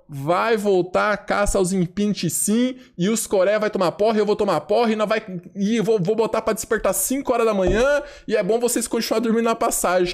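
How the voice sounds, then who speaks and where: A man with a Brazilian accent giving live gameplay commentary to his chat, slangy and provocative, repeating phrases like chants. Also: high voice. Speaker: game streamer.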